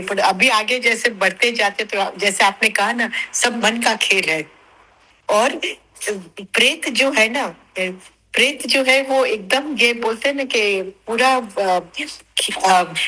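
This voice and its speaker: A woman's voice: fairly high pitch, pushed and bright, poor audio. A woman taking part in a group discussion, sharing childhood memories and reflections thoughtfully. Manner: reflective, mixes English words. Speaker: participant.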